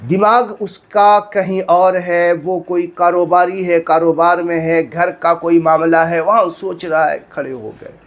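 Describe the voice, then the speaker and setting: A man's voice: high-pitched, steady tone, a little slow, few pauses. A man teaches as a religious instructor. He talks earnestly, repeating each point and asking whether his listeners have understood. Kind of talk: instructional talk on prayer.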